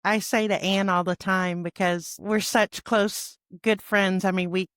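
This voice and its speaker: A woman's voice: medium pitch, steady tone, unhurried, fairly bright tone, no echo. A woman hosting a podcast, talking in a casual, reflective, conversational way. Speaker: podcast host. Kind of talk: casual chat.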